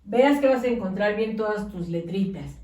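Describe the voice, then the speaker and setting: A woman teaching young children to write, dictating slowly and patiently, with a coaxing manner and many diminutives. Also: medium pitch, darkish tone, reverberant, distant mic. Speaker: primary school teacher.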